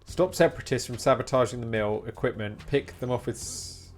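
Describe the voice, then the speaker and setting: A man's voice: mid-range voice, brisk, slight background noise. A man streaming a game live, talking casually and greeting chat viewers by name, with game music behind him.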